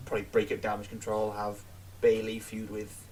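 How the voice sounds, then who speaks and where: A man's voice: fairly low pitch, monotone, a little fast, darkish tone, a little hiss or hum, poor audio. A man co-hosting a wrestling podcast, giving his picks with dry, joking asides. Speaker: podcast co-host. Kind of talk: casual chat, wrestling predictions.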